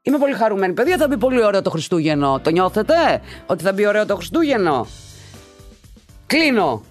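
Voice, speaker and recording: A woman's voice: medium pitch, faint music behind. A woman hosting a podcast in a casual chatty monologue. She speaks straight to her listeners and swears freely. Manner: animated, swears freely, addresses listeners directly. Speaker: podcast host.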